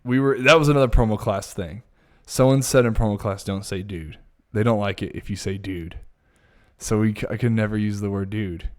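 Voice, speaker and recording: A man from the Bay Area with a Californian accent, chatting as a podcast guest in a relaxed, drawling surfer-like way. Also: lowish voice, brisk. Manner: laid-back, drawling surfer-like delivery. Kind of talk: casual podcast chat.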